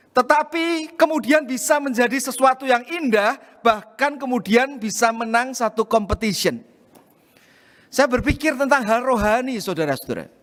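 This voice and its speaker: High-voiced man preaching in a church hall. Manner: storytelling, addresses congregation as saudara, animated acting out of quoted lines. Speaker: pastor. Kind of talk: sermon.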